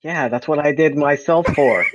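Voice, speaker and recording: A man playing a tabletop role-playing game, animated and mock-complaining. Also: a little high, moderate pace, background noise. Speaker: player. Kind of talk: casual tabletop play.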